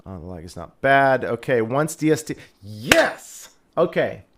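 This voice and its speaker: A man's voice: medium pitch, very animated, measured pace, background noise. A man hosting a casual live stream who rambles through a jokey story. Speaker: host.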